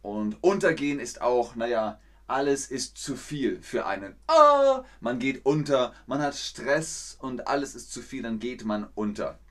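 A man teaching a live-streamed language lesson. He explains slowly and clearly, and his voice sometimes jumps up high with excitement. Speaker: German teacher and livestreamer.

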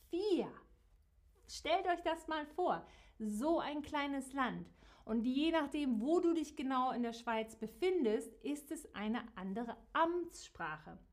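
A woman who teaches a live geography lesson to viewers, speaking slowly and clearly and repeating key words. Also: high voice. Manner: slow, repeats key words, warm direct address to viewers. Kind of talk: slow, clearly articulated live-stream lesson.

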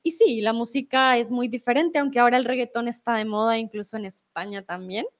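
A Colombian woman with a Colombian accent teaches a casual Spanish lesson on a livestream, chatting with viewers, explaining through examples and asking "¿vale?". Her voice is on the high side and fairly quick.

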